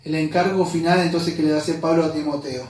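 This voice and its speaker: A man's voice: fairly high pitch, steady tone, fairly quick, a little mellow, far from the mic, faint music behind. A male pastor preaching a sermon, emphatic, asking the congregation rhetorical questions. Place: church hall. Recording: echoey church hall, voice from off mic.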